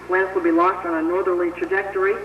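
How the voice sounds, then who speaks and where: A man's voice: high-pitched, level tone, rapid-fire. A man giving launch countdown commentary, heard breaking up over a crackly radio speaker. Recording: distant echoey lo-fi radio playback with hiss.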